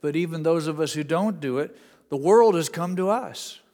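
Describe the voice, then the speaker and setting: Here's an Indiana-accented pastor giving a sermon, talking to the congregation in an earnest, chatty way and tossing in folksy remarks. His voice sits a little high with a dark tone and moderate pace, echoing with the long reverb of the church hall.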